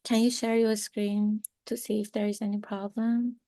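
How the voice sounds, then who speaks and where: With a mellow, medium-pitched voice that barely rises or falls, this young moderator runs a video seminar from home at a moderate pace. She answers questions and introduces speakers, leaning heavily on fillers, and the video-call sound has no echo.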